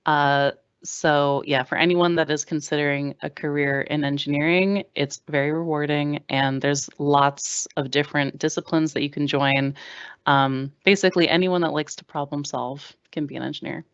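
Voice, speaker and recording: An American woman in her thirties, a rail engineer giving a relaxed, chatty career talk over a video call. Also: low-pitched, moderate pace, clear, resonant tone, dry recording, dull audio. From United States. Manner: relaxed, chatty, with many fillers. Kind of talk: presenting a slide talk.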